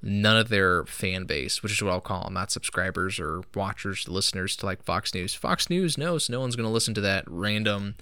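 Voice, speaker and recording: A man co-hosting a casual talk show, cracking deadpan jokes in easy banter. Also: fairly low pitch, moderate pace, few pauses, clean tone, no echo, clean studio sound. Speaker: podcast co-host. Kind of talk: casual joking chat.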